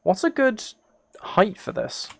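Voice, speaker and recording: A high-pitched, gravelly voice swoops wildly in pitch as a British man from the United Kingdom talks slowly through a video game stream. His casual, rambling chat is self-deprecating and apologetic.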